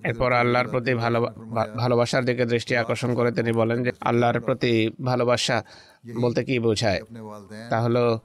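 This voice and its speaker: Man, sermon, measured exhortation, flat level delivery, middle pitch. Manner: measured, exhortative, quoting scripture with restarts. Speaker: religious speaker.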